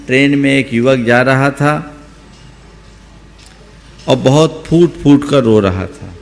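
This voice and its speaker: A man's voice: mid-range voice, animated, slow pace, gravelly, big-room sound, soft background music. A man, a Jain monk, giving an emphatic, exhorting sermon that rises sharply for stress.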